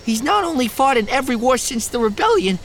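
A jumpy young man with a strained, high, loud voice, as a male narrator puts him on. He slurs a little from drink, and his pitch leaps around wildly. Faint noise sits under the reading. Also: big pitch swings, moderate pace, heavily acted. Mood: eager. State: slurring drunk.

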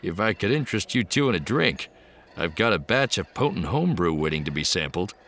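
A man's voice: low-pitched, very animated, fairly quick, a bit bright, full character voice. A man voicing a jovial old hermit who talks in a folksy, chuckling, rambling way.

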